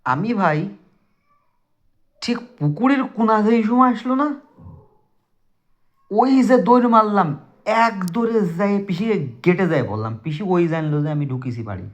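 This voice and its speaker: His voice sits high and sing-song at a normal speed, broken by frequent pauses. Speaking with a southwestern Bangladeshi Bengali accent, he casually and emphatically tells his friends a personal ghost story, talking directly to them. It's captured in a dull lo-fi recording.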